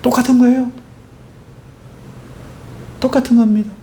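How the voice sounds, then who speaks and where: A male pastor preaching a sermon, driving it with lively rhetorical questions and emphatic stress. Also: very high voice, normal speed, a little hiss or hum.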